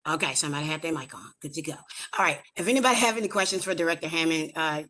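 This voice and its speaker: A woman hosting a virtual veterans roundtable, conversational and a little halting, often stumbling over names and titles. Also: sits low, lively intonation, fairly bright tone. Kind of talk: virtual meeting moderation.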